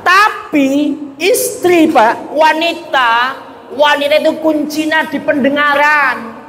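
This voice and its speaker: Male preacher, high voice, playful and joking with the crowd, long echoing reverb, faint ambience. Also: takes it slowly, sharp tone, slight background noise. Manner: joking, playful, often asks the crowd to agree. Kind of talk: humorous sermon to a crowd.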